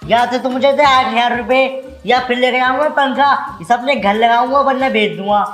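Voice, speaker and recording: An actor playing a brash, swindling village mechanic in a comedy skit. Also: male voice, very high voice, fairly even intonation, fairly quick, a bit bright. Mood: defiant. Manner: brash, threatening.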